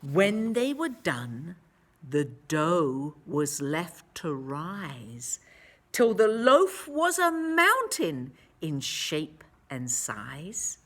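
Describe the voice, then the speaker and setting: A woman reading a picture book aloud to children, expressively, with dramatic emphasis and drawn-out words. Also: sits low, sing-song, fairly bright tone.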